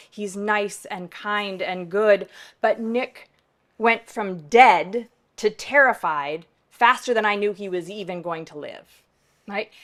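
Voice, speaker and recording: A woman pastor telling a true story to a live audience, conversational and emphatic, often tagging "right?" and dropping to a hush for effect. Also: mid-range voice.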